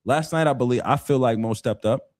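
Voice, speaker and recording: A man co-hosting a live talk show speaks quickly and earnestly, stacking phrase on phrase for emphasis. His voice sits at a middle pitch and sounds close and dry, with no room around it. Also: darkish tone, dry recording. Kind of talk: casual commentary on local politics.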